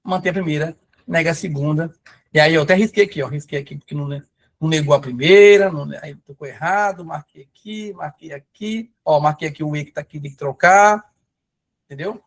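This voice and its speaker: High-voiced, chatty teacher. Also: male voice, fairly quick. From Pará, Brazil. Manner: chatty, enthusiastic, storytelling asides. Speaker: math teacher for civil service exams. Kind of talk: live online class.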